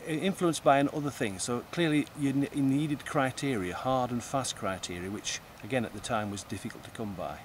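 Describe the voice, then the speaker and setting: A man's voice: medium pitch, brisk, hardly any pauses, slight background noise. A man, thoughtfully explaining things in a precise way. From East Lancashire, England. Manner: thoughtful, precise, restarts words mid-phrase. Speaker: guest. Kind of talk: conversational interview.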